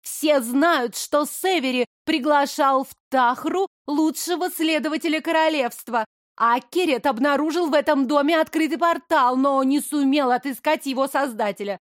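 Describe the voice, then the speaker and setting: Brief: spiteful young blonde lady of the court, shrill and accusing, voiced by a woman reader; high, dry audiobook sound. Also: moderate pace, dry recording, lightly acted.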